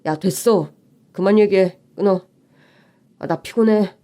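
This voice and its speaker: A woman's voice: medium pitch, normal speed, warm tone, close to an everyday voice. A woman voicing an irritable, overworked young man who answers his fiancée curtly in an audio story. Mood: irritated. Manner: curt and snappish.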